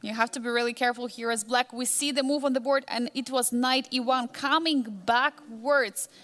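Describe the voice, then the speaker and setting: High-pitched woman, live chess commentator, asks dramatic questions and repeats bits for emphasis. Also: steady tone, moderate pace, fairly bright tone. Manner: poses suspenseful rhetorical questions, repeats phrases for emphasis.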